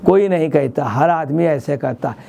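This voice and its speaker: Man, senior journalist, news commentary, gravelly, dark tone, emphatic. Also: a little high, normal speed. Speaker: senior journalist, political analyst. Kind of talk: news studio political commentary.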